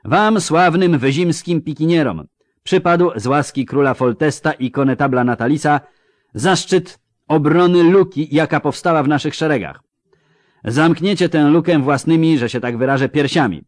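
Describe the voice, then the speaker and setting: Guy putting on a loud mocking army boss, barks orders, pitched up high and pushy, dry close sound. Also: moderate pace, dry recording, close to an everyday voice. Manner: mocking, coarse, barking orders. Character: crude sarcastic male army commander bellowing at troops. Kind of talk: audiobook character voice.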